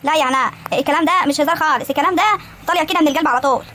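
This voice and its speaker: A woman with an Egyptian Arabic accent voices a bossy but caring young wife and older sister in an animated comedy, teasing, prying and handing out advice. Her voice sits high and is fairly bright, she speaks very fast, and there is slight background noise.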